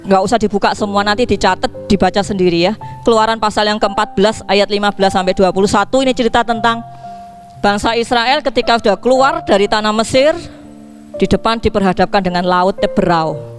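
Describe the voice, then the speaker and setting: A woman pastor preaching a sermon in a lively way, asking her congregation questions. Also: medium pitch, a little fast, soft background music. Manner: lively, asks the congregation questions, acts out dialogue. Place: church.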